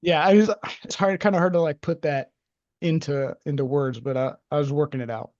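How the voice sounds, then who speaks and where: Guy rambling on a podcast, kinda high voice, dull lo-fi audio, dry. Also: fairly even intonation, fairly quick, a little mellow, no echo. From United States. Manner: rambling, hesitant, heavy on fillers. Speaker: podcast co-host. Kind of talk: casual opinionated chat.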